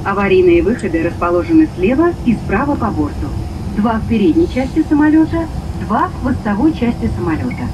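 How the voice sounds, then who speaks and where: A woman's voice: medium pitch, sing-song, fairly quick. A woman gives a formal, instructional flight safety demo over an aircraft cabin speaker. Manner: formal, instructional, clearly phrased. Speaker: airline safety announcer. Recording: muffled cabin PA, loud aircraft noise.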